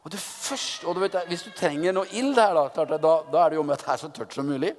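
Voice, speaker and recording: A man preaching a sermon, retelling a Bible story in a lively, teasing way with many restarts. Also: fairly high pitch, long reverb tail.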